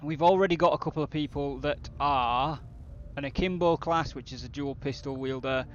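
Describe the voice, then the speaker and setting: A man's voice: a little high, moderate pace, muffled recording, a little hiss or hum. A British man doing casual, blokey, sweary game commentary as a streamer chatting with viewers. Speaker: gaming streamer.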